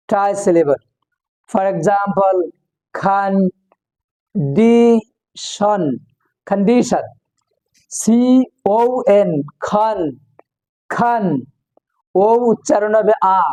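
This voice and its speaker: An English teacher gives a recorded online lesson in a warm, mellow, mid-range voice, speaking extremely slowly and drawing out every word. For learners, he or she repeats each word several times, breaks words into their parts, and switches between English and Bengali explanations. The audio quality is poor.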